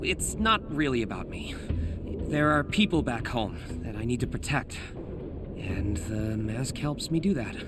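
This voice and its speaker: Spider-Man, animated wisecracking young hero. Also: mid-range voice, unhurried, background noise. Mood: earnest. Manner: chatty, quippy, self-deprecating. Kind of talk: video game cutscene acting.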